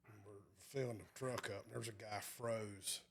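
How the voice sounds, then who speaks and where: A man's voice: on the low side, steady tone, normal speed. A man with a Southern accent, making dry wisecracks in a casual chat.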